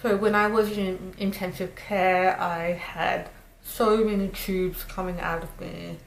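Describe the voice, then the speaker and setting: A woman's voice: fairly low pitch, level tone, slow pace, creaky. A woman vlogger telling a personal story in a casual, conversational way. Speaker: vlogger recovering from jaw surgery. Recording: roomy echo, faint background noise.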